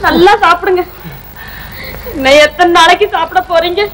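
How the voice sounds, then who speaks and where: Very high, bright young wife, pleading and tearful, old film track. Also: female voice, fairly even intonation, normal speed, a little hiss or hum, rough recording. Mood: tender. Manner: wailing, pleading. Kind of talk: 1960s Tamil film acting. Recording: old film soundtrack with faint music.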